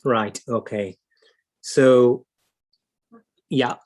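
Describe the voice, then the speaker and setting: British male instructor, mid-pitched, unscripted hands-on explainer who thinks aloud. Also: steady tone, very slow, darkish tone. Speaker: clock repair instructor and livestream host.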